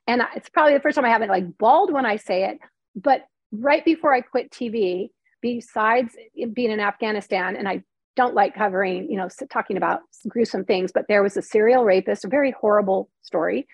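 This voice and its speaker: A middle-aged woman, ex-TV news reporter turned novelist, speaks briskly in a mid-range voice with no echo, sharing an emotional personal story in an interview. Earnest and candid, she chats on, acting out quotes and sprinkling in plenty of "like" and "you know."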